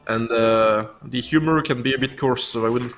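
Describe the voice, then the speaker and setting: A man's voice: mid-range voice, moderate pace, fairly bright tone. A man chatting on a livestream as a game developer, explaining in a conversational way. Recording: faint background noise, game sound behind.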